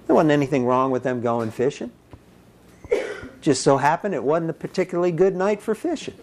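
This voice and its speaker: A man preaching a sermon, animated and folksy, acting out little voices and dialogue as he speaks. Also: a little high, brisk. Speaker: pastor.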